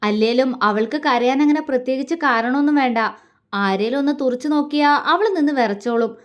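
A woman voicing a young man who teases his friend and speaks gravely about the girl he protects. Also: sits high, fairly quick, natural voice. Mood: teasing. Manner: teasing, then grave.

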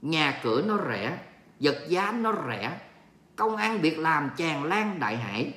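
A Vietnamese man in Texas runs a laid-back livestream from home, voicing viewer comments and joking with exclamations while mixing in English. His voice is a little high and sharp, very animated yet unhurried, and the room echoes.

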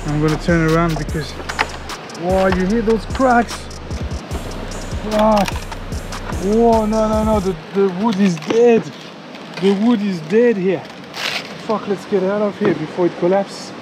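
On a jungle trail, a French vlogger in his thirties talks into a handheld action camera at arm's length, sweating and a bit out of breath from the climb. His high-pitched voice keeps a measured pace with frequent pauses over music, and he's chatty, excitable, swears, and addresses viewers as "guys."

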